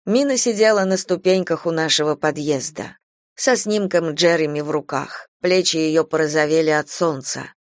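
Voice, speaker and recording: A man reading a first-person literary novel aloud as an audiobook, in an even, measured way. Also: a little high, no echo, clean studio sound. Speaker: audiobook reader.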